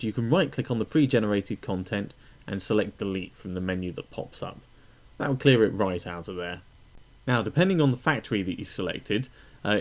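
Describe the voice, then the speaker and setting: A man with a voice on the low side narrates a casual software tutorial step by step. He's conversational and explanatory, often pausing with "uh."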